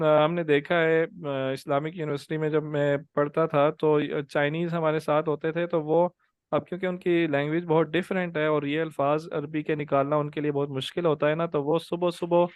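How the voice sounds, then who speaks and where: Man, tajweed teacher, online class, resonant voice, dry close sound, slightly high. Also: fairly even intonation, clear, resonant tone, no room sound, highs cut off. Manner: patient, drills sounds and calls students by name; drawn-out demonstrated letter sounds. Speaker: Quran recitation teacher. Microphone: video call.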